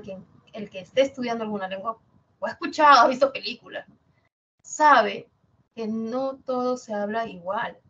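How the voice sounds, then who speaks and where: A woman's voice: a little high, a bit bright, highs cut off, a little hiss or hum. Woman teaching a language class. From Peru. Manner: explains patiently with checking questions. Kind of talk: online class lecture.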